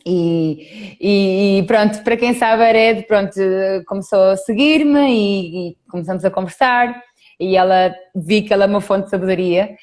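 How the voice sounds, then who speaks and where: A woman hosts a casual live interview over a video call. She pauses often with little fillers while she gathers her thoughts. Her voice sits in an ordinary middle pitch. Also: a little mellow. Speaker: host.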